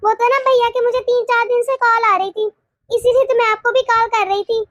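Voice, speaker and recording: A woman voicing a gentle, grateful elderly aunt in a cartoon, chatty and mild. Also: very high-pitched, fairly even intonation, fairly quick, no room sound. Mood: friendly. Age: older. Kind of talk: cartoon voice acting.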